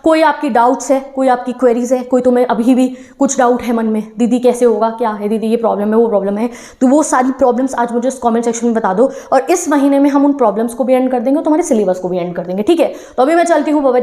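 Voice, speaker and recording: A woman's voice: high-pitched, a little fast, mellow. A young woman teacher giving an encouraging talk to exam students, switching between Hindi and English phrases. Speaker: online teacher.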